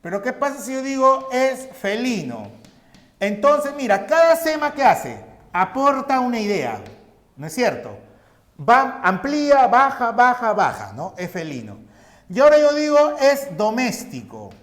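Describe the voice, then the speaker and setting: A man's voice: extremely high pitch, huge pitch swings, measured pace, fairly bright tone. A male teacher giving a recorded class lecture, explaining step by step and asking his students questions that he then answers himself. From Peru.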